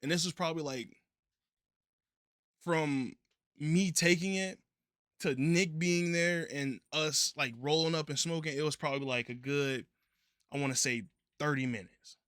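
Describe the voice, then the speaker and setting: A man's voice: on the high side, fairly even intonation, measured pace, long pauses, a bit bright, no echo, studio quality. A young man telling a story in a casual, laid-back way, full of profane slang.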